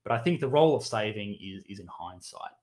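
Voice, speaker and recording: A man with a fairly low, darkish voice talks animatedly and briskly in a casual economics discussion. He keeps it conversational and often acts out imagined speakers.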